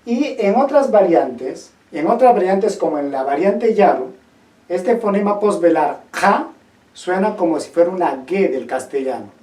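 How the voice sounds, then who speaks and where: A teacher giving an online lesson, speaking slowly and deliberately, pausing between words, repeating and demonstrating sounds and checking in with listeners. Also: medium pitch, expressive, warm tone. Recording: roomy echo, speaker far from mic.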